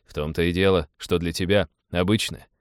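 A man's voice: sits low, steady tone, a little fast, clean tone, no room sound, studio quality, close to an everyday voice. Man voicing an earnest grateful miner. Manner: earnest, insistent.

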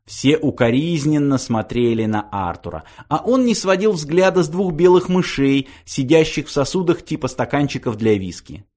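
A man reading a story aloud with theatrical flair, his voice rising and falling widely through every sentence. He sits a little higher than most men and keeps the telling animated. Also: normal speed, hardly any pauses. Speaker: audiobook narrator. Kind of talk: expressive audiobook narration.

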